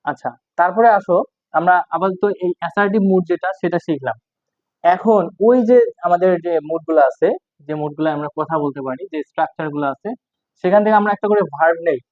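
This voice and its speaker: A man runs a casual English lesson, repeating each phrase and quizzing his listeners as he goes. His voice sits high, and the English examples come slow and spelled out. The sound is tinny and dry, close and narrow like a phone line. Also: no room sound. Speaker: English teacher.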